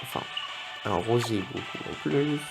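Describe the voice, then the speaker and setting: A man giving live commentary on his game pulls in an excitable, joking way, often swearing and talking straight to his viewers. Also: mid-range voice, a little slow, loud music behind the voice. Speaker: gaming video host. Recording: clear background noise.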